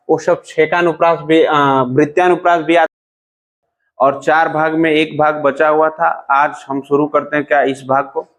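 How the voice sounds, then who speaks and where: A man teaching a grammar lesson, asking and answering his own questions, calling students "beta" and reciting verse lines slowly. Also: a little high. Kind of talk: classroom-style grammar lesson.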